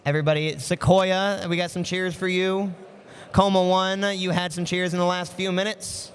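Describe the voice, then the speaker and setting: A man giving lively live commentary at a model car race for a stream, chatty and reading out viewer comments. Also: high-pitched, normal speed, a little hiss or hum. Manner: chatty, energetic, reads out viewer chat.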